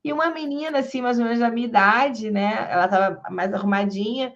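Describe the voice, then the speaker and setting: A woman, a public defender, giving a lecture and telling stories from her career in a lively way, acting out the people she quotes, with a Rio de Janeiro accent. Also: a little high, fairly quick. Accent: Rio de Janeiro Portuguese. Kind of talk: storytelling lecture. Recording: dull lo-fi sound.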